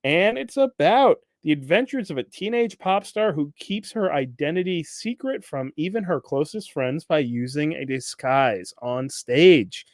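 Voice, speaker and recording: Young man, podcast host, casual recap, fairly high voice, dry close mic, animated. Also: unhurried, few pauses, no echo. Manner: animated, acts out characters' lines with jumps in pitch and loudness; laughs often, swears casually.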